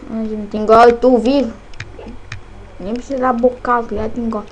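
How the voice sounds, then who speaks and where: A woman with a Brazilian Portuguese accent, excitedly commentating her own gameplay, cursing and shrieking at every scare. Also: a little high, normal speed, muffled recording, slight background noise. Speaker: gameplay channel host.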